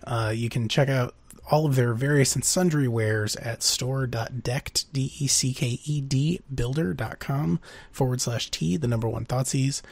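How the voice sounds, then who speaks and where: A man's voice: medium pitch, measured pace, gravelly, no room sound. A man hosting a casual podcast while sick with a cold, his voice nasal and congested, rambling with plenty of fillers and restarts. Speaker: podcast host.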